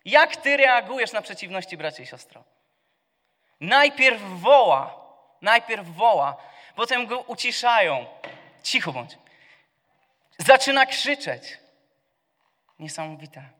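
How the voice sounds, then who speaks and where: A man preaching a sermon, asking his congregation questions and answering them himself, moving between quiet asides and loud cries. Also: high voice, sing-song, unhurried, pauses often. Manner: swings from soft to loud, shouting the cries. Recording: long reverb of a church hall.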